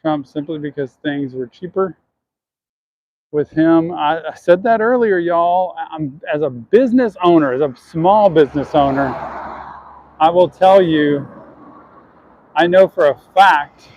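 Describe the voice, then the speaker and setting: A man's voice: on the high side, lively intonation, unhurried, pauses often, darkish tone, lo-fi sound, slight background noise. A man chatting earnestly to his viewers while walking down city streets, answering questions from chat.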